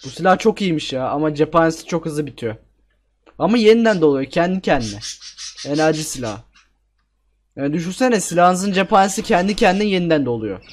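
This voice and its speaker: A man's voice: fairly high pitch, animated, fairly quick. A young man giving casual, self-mocking commentary while playing a game, repeating words when he panics. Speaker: gameplay streamer. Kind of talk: casual let's-play commentary.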